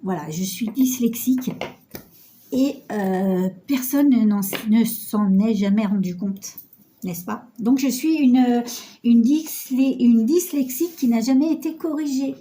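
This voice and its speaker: A woman's voice: a little high, a little slow, dark tone. A middle-aged woman with a stuffy cold, chatty and self-mocking as she talks the viewer through a sewing project on her phone camera. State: nasal with a cold. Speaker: sewing tutorial host. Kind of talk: casual sewing tutorial.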